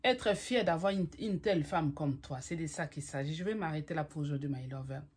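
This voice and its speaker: Husky woman giving emphatic pep talk. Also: deep voice, fairly quick, a little mellow. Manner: emphatic, repetitive, addresses listener as "my lover"; mixes French with English phrases. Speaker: vlogger giving relationship advice. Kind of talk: motivational talk to camera.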